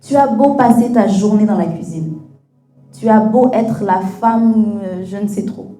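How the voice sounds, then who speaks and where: A woman's voice: mid-range voice, unhurried, mellow. A woman hosting a casual faith-based conversation, frank and opinionated, slipping English phrases into her talk. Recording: echoey room with faint music.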